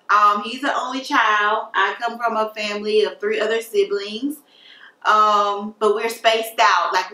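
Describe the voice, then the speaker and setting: A woman's voice: medium pitch, sharp tone. A woman in her late twenties chatting casually as a vlogger in a question-and-answer video, upbeat and full of fillers. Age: late 20s. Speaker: beauty vlogger. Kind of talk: casual Q&A chat. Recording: echoey room, mic at a distance.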